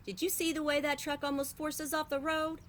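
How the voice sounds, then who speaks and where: A woman's voice: high voice, flat delivery, fairly quick, pitched above the performer's own voice, natural voice. Woman doing an exasperated tired dad from a kids book, firm, slight noise. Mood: exasperated, insistent. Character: tired, stubborn father on a holiday drive.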